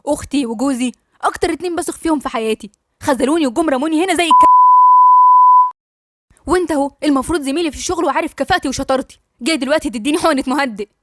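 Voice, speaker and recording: A woman's voice: sits high, very fast, dry recording, clean studio sound, lightly acted. A woman with an Egyptian accent reading a bitter, sarcastic female doctor who is held as a patient. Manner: sarcastic, defensive.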